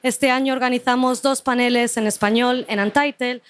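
A woman with a fairly high voice opens a live panel at an art fair. She reads a formal introduction of the guests and their titles. Now and then she stumbles over a name or a word. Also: steady tone, normal speed, smooth, no room sound. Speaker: host and fair curatorial director.

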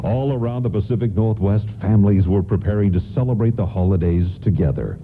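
Male radio-play narrator, measured storyteller with lively intonation, thin band-limited recording. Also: lowish voice, narrow, tinny audio. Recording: band-limited vintage radio sound, faint noise.

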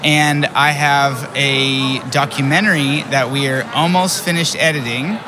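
Earnest man with a fairly high voice. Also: steady tone, unhurried. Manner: earnest, grateful, with fillers. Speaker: singer being interviewed. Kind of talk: casual interview answers. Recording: crowd noise behind.

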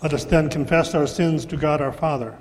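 A man leading church liturgy as pastor, praying in solemn, formal, measured phrases in a cathedral-like echo. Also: a little high, fairly even intonation, a little mellow. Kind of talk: liturgical prayer recitation. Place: large reverberant church.

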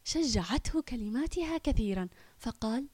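Female storyteller, clear children's-story narration, dry close recording. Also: on the high side, lively intonation, normal speed, darkish tone, no echo.

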